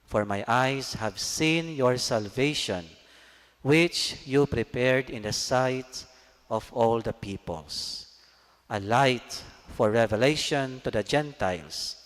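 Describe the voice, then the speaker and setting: A man reading scripture as a priest at Mass, solemn, measured and formal, with cathedral echo around his voice. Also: mid-range voice. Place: large church, amplified. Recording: cathedral echo, long church reverb.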